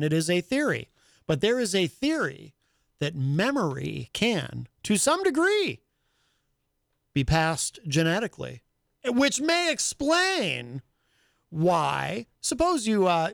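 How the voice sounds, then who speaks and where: A man hosting a casual talk show, teasing and speaking haltingly as he banters. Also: sits high, creaky, dry recording, clean studio sound. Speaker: talk show host and hypnotherapist.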